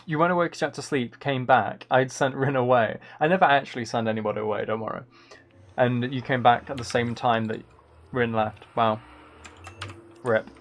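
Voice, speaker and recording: Half to himself and half to his audience, a male streamer with a creaky, mid-range voice chats casually while gaming, keeping a steady tone and moderate pace. He mutters between answering chat, with faint noise and keyboard clicks in the recording.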